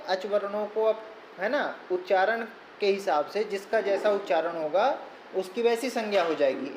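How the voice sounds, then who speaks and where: A man's voice: high voice, a little mellow. A man teaching Sanskrit grammar in a recorded lesson, explaining patiently step by step and repeating key points. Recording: echoey room with faint background noise.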